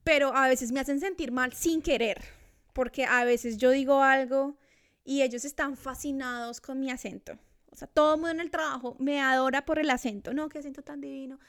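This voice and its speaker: A woman's voice: high-pitched, moderate pace, fairly bright tone, smooth. A woman in her thirties chatting casually and reflectively, with many restarts. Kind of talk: casual conversation. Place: Australia.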